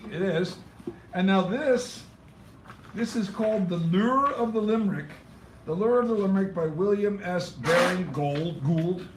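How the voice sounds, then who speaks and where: A man's voice: high-pitched, distant mic, background noise. A man hosting a poetry open mic in a cafe, rambling through announcements with wry asides. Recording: echoey cafe room recorded from afar.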